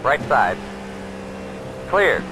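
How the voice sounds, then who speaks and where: A man's voice: mid-range voice, sing-song, extremely slow. A man acting as race spotter, giving short, clipped, repeated traffic calls to a driver. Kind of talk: terse spotter calls over team radio.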